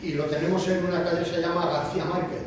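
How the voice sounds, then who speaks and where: A man's voice: a little high, fairly even intonation, fast talker, noisy background. A man chatting casually and friendly with other bonsai growers. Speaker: visitor from another bonsai association. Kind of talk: casual chat. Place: exhibition hall. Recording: very echoey hall, far-off mic.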